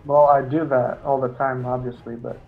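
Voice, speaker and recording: A man's voice: mid-range voice, flat delivery, normal speed, soft background music. A man on a faulty headset mic in casual online game chat, his voice muffled as if through a wall, checking whether he can be heard.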